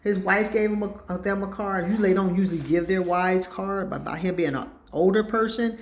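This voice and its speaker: A woman's voice: medium pitch, fairly quick, a little hiss or hum. A woman hosting her own talk show, telling rambling stories in casual chat and acting out what people said. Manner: chatty storyteller, acts out quoted dialogue.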